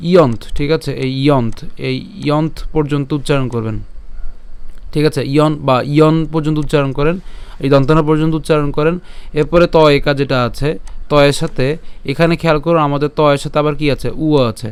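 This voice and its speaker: Man, online lesson teacher, patient, repeats syllables, slightly high voice, clear tone, dry close mic. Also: no room sound. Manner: patient, repeats syllables slowly and checks "okay?" often. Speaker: scripture recitation teacher.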